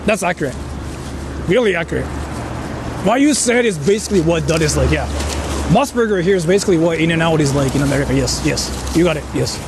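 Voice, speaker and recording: A Japanese live streamer chats casually while walking and eating on a city street, explaining things in an informal, repetitive way. His voice is a little high, expressive, and quick. Traffic noise fills the noisy outdoor recording.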